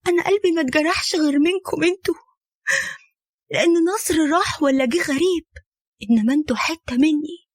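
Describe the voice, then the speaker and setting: A woman's voice: high-pitched, a little fast, pauses often, no echo, clean studio sound, natural voice. A woman voicing a heartbroken young woman with an Egyptian accent who speaks with pleading and reproach. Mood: reproachful. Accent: Egyptian Arabic.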